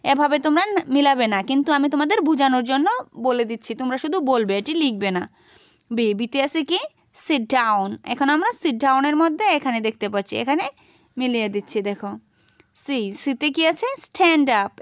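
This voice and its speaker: High-voiced Bangladeshi woman teaching English. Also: no room sound, studio quality. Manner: slow, careful pronunciation of English phrases. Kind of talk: lesson.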